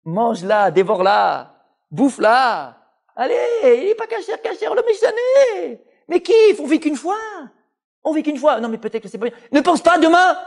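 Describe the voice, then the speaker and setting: Man voicing a wheedling inner tempter, pitched way up, carefree and pushy. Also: lively intonation, moderate pace, gravelly, exaggerated voice. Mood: coaxing. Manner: wheedling, urging indulgence.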